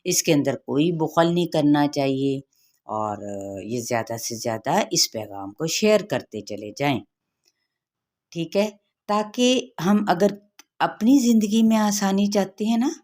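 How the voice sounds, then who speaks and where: Slow, low-voiced woman teaching tajweed. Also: expressive, darkish tone. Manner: patient, explains rules step by step, often asks "theek hai?". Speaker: Quran recitation teacher. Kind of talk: tajweed lesson with slow recitation.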